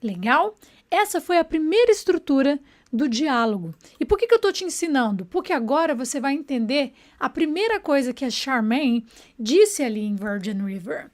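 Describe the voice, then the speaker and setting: High-voiced woman teaching English. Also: sing-song. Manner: slows down to model English words, frequent "né" and "ó" checks. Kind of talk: online English lesson.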